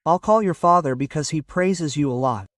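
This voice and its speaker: A man speaking sketch dialogue slowly, drawing out his words. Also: fairly high pitch, very noisy. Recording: distant voice under very loud music.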